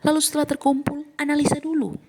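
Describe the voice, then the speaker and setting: A woman pastor preaching a sermon, swinging between emphatic lines and soft whispered asides. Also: sits high, little pitch movement, quick pace, noisy background.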